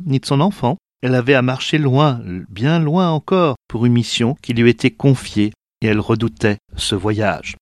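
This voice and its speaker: A man narrating a Christmas folk tale in an expressive storytelling reading. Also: medium pitch, no echo, clean studio sound.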